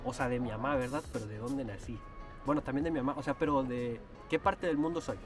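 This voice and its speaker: A man's voice: mid-range voice, fast, recorded from a distance, faint music behind. A young man in his twenties with a Mexican accent, chatting casually and slangily to camera while sitting in a rowboat on a lake. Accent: Mexican Spanish. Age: 20s. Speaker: vlogger. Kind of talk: casual vlog chat. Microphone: action camera at arm's length.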